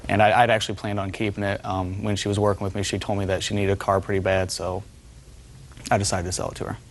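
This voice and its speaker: A man's voice: on the low side, level tone, fast, slight background noise. A man in his twenties giving polite testimony as a litigant in a TV court. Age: 20s.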